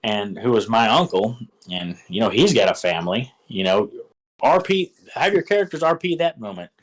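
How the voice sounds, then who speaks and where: Over low-quality audio, a man with a lowish, sing-song voice explains at a moderate pace how to run a tabletop game. The game master's instructional talk is casual and eager, though it rambles and is full of fillers and restarts.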